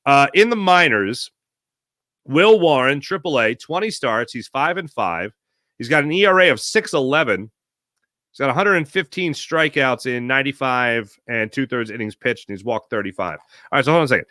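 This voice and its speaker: A man hosting a casual sports podcast, reading viewer chat with sarcastic, animated commentary. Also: normal speed, no echo, studio quality. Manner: reads ad copy with big pitch swings. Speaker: podcast host.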